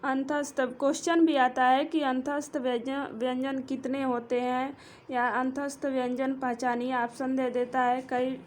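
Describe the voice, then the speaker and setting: A high-voiced woman teaching a grammar lesson, stretching out each sound as she counts through the letters. She speaks at an unhurried, deliberate pace. A faint hiss of background noise sits behind her. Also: level tone. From India. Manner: slow, drawn-out, explanatory, counting letters aloud.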